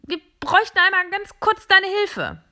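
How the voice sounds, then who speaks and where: Woman doing very high, stammering gadget voices, storybook. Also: huge pitch swings, normal speed, bright, forceful tone, heavily acted. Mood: pleading. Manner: stammering, helpless, lots of ums. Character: round household gadgets, squeaky and fumbling.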